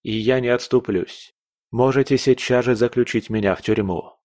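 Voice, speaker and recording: A man's voice: mid-range voice, moderate pace, a little mellow, no room sound, studio quality, close to an everyday voice. A man voicing an earnest young nobleman in love who speaks firmly and stubbornly.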